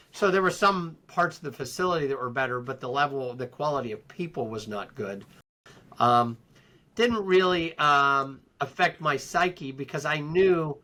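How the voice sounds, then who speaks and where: Bright-voiced middle-aged man telling his story. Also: mid-range voice. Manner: unhurried and reflective, with frequent ums and restarts. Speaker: interview guest. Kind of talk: personal storytelling in conversation.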